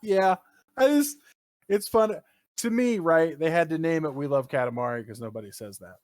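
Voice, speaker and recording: A man co-hosting a gaming podcast, talking casually, opinionated and animated, and he swears often. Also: a little high, a little fast, no echo. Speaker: podcast co-host. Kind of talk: casual chat.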